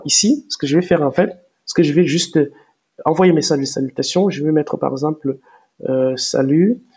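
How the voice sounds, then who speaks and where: A man walking viewers through software step by step in a screen-recorded tutorial, hesitant with many fillers and restarts. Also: on the high side, vocal fry, breathy edge. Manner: explains step by step, addressing viewers directly. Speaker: tutorial presenter.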